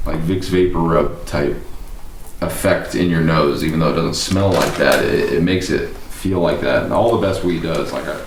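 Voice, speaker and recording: An extremely deep-voiced man chats in loose, casual stoner talk. He is picked up from a distance in a roomy space with faint noise and clicks. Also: normal speed. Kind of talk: casual chat.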